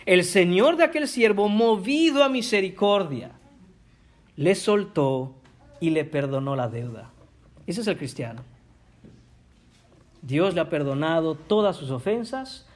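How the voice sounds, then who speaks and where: A man's voice: high voice, lively intonation, a little slow. A male pastor preaching a sermon in a church, emphatic and speaking directly to the congregation. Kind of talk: Spanish-language sermon.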